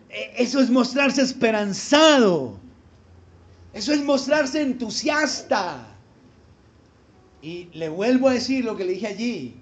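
A man preaching a sermon as pastor, emphatic and quizzing the congregation with rhetorical questions. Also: very high voice. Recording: dull live church recording with faint ambience.

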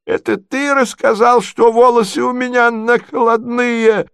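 A man's voice: very high-pitched, fairly even intonation, a little slow, creaky, a bit bright, clear, resonant tone, dry recording, studio quality, voice pushed up, full character voice. A man voicing a senile, fussy elderly prince who stammers and quavers. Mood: dithering.

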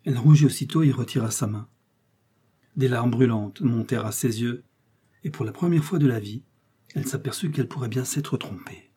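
Man reading a classic novel aloud, mellow deep-toned, a bit raspy, steady pace. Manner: measured, steady storytelling. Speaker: audiobook narrator. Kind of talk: scripted literary narration.

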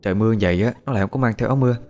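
A man voicing a hardworking, kind aunt in a spoken story, talking quick and higher-pitched. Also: a little mellow, lightly acted. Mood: hurried.

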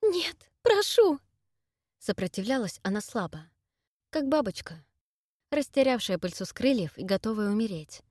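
A woman narrates a fantasy novel in an even, measured way, at a middle pitch for a woman. The recording is dry and close, with no room sound. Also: no room sound. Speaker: audiobook narrator. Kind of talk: scripted narration.

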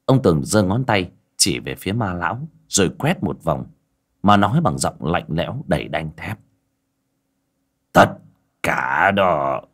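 A man's voice: low-pitched, big pitch swings, moderate pace. A man narrating an audiobook, addressing listeners directly in a conversational way.

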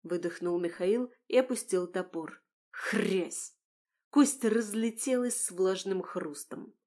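A woman narrating a first-person audiobook with a wry, expressive delivery. Her voice sits at a middle pitch, and she paces the scene like a storyteller. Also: unhurried.

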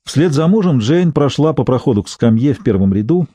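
Dark-voiced male audiobook narrator. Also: mid-range voice, expressive, a little fast, dry recording. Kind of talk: scripted narration.

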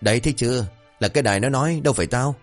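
A man's voice: medium pitch, faint music behind, voice pushed up, natural voice. A man voicing a cheeky young village rascal who rattles off insults and blithely denies everything. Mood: breezy denial. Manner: brash and mocking, rapid-fire insults. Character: cheeky brash village boy, shameless liar.

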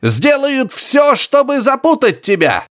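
A man doing a frantic shouting professor. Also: huge pitch swings, takes it slowly, exaggerated voice. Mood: agitated. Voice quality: high, strained, grunting shouts. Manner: urgent and agitated, shouting. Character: excitable male professor over a crackling radio.

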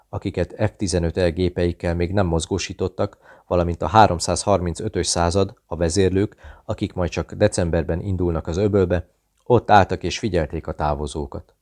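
A man reading a thriller novel aloud, voicing the dialogue within his steady, measured narration. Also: low voice. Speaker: audiobook narrator. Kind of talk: scripted narration.

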